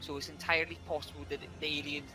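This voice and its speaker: A man playing a tabletop role-playing game online, talking haltingly with lots of fillers while his choppy connection keeps cutting out his words. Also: on the high side, flat delivery, over music, rough recording. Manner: hesitant, halting, full of fillers. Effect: choppy audio, words cutting out from a failing internet connection. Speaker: player. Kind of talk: casual online tabletop roleplay. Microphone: online voice call.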